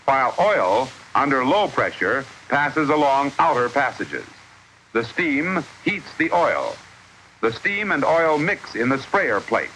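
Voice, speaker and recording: A man narrates in the formal style of a 1950s educational newsreel. His voice is bright and forceful, with animated rises and falls that keep the instruction clear. It plays on a vintage film soundtrack with light background noise. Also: medium pitch, low-quality recording.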